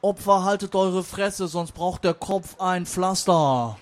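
A man voicing a boastful street gangster rapper in a comic stage reading, speaking in a dark, swaggering voice. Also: sits high, takes it slowly. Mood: threatening.

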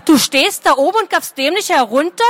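A woman's voice: sits high, lively intonation, brisk, fairly bright tone, voice pushed up. A woman reading a storybook aloud, voicing an impatient, bossy young female archer who snaps at everyone. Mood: impatient, snapping. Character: sharp-tongued bossy young female archer of a magical folk.

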